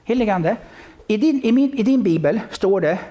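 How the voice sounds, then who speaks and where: Animated pastor, lively voice. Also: male voice, high voice. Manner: animated storytelling with many restarts. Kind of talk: sermon.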